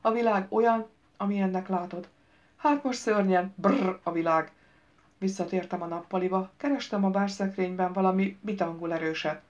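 A woman reads a first-person novel aloud for an audiobook, telling it in a wry, brisk way. Her voice sits at a middle pitch. The recording sounds slightly dull and lo-fi. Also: fairly even intonation, a little mellow. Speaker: audiobook narrator.

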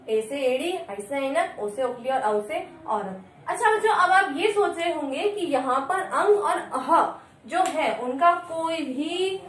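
High-voiced woman teaching in an echoey room. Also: a little hiss or hum. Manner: asks questions and answers them, addresses children. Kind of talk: classroom grammar lesson. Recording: echoey room, mic at a distance.

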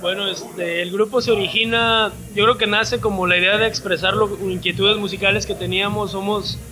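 A young man from Guadalajara with a Mexican accent, a bassist answering interview questions in a relaxed, thoughtful way. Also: brisk, poor audio. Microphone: handheld mic. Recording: music playing behind.

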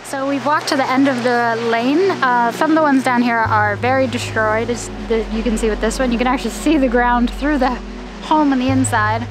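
A woman's voice: a little high, fairly even intonation, normal speed, background noise. A young woman exploring abandoned seaside houses and pointing things out to the camera, partly in voice-over narration. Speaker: travel vlogger. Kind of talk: casual travel vlog with voice-over narration. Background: music.

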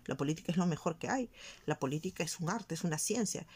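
A woman's voice: low-pitched, expressive, fast talker, a little mellow, husky. A woman from Peru with a Peruvian Spanish accent, giving casual commentary as a vlogger, indignant and emphatic, repeating points for stress. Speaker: shopping vlogger. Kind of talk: casual commentary on current events.

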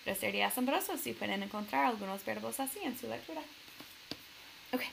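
A woman's voice: fairly high pitch, animated, a little fast, vocal fry, background noise. A woman teacher reading a storybook aloud to her students and stopping to explain grammar carefully, with fillers along the way. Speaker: Spanish teacher.

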